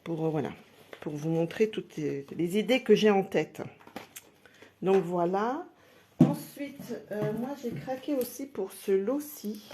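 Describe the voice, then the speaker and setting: A woman's voice: medium pitch, slow pace, noisy background. A woman chatting casually while unboxing craft supplies live, thinking aloud with many hesitations. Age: adult with a day job. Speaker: craft product seller.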